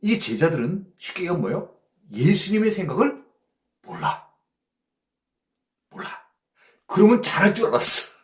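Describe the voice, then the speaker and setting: Lively Korean pastor teaching Bible study. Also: male voice, high-pitched, reverberant. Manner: reads verses in slow English, asks rhetorical check-ins.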